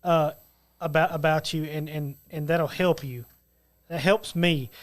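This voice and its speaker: Male co-host, high voice, blunt and self-deprecating, casual. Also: fairly even intonation, unhurried. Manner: self-mocking, blunt opinions. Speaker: podcast co-host. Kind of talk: casual chat. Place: studio.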